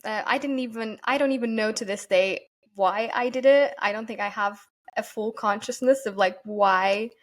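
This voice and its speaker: A woman from Portugal, a yoga teacher giving earnest, thoughtful interview answers and often pausing to find her words. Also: fairly high pitch. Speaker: podcast guest, yoga teacher.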